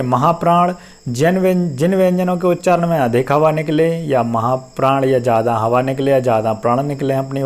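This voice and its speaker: A man teaching a class, who explains step by step, repeats each term, sounds out syllables slowly and often asks whether it is clear. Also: mid-range voice. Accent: Hindi-speaking North Indian. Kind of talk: classroom-style lecture.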